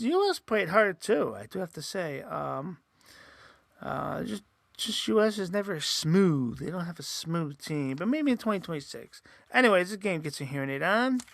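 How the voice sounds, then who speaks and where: A man hosts a casual solo podcast, rambling along with lots of fillers and restarts. His voice sits high and a bit bright, with vocal fry and an occasional slight nasal quality he admits to himself. The recording is dry, with no room sound.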